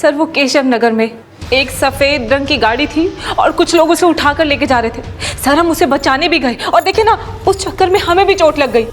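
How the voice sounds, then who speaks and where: A woman's voice: high voice, moderate pace, a little hiss or hum, close to an everyday voice. An actress playing an anxious young mother who answers the police hesitantly in a TV crime drama. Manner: hesitant, pleading.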